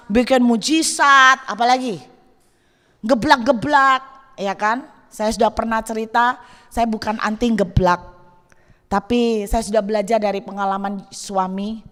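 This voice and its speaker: A woman pastor delivers a sermon in a light, humorous storytelling manner, often slipping English phrases into her talk. Her voice sits high, and her words ring out with the long reverb of a church hall. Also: a bit bright.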